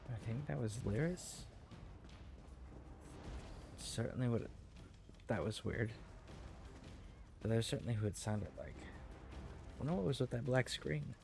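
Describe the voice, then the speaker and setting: Easygoing, slow-paced man streaming a game. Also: mid-range voice, lively intonation, creaky, darkish tone. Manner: easygoing, chatty, self-correcting. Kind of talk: casual live gameplay commentary. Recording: game music behind the voice.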